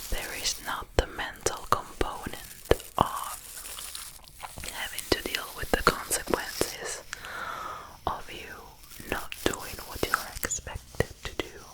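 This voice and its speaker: A woman whispering softly and very close into a binaural mic in an ASMR talk, with deliberate pauses. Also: low-quality recording. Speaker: ASMR creator. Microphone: close binaural microphone, ear to ear.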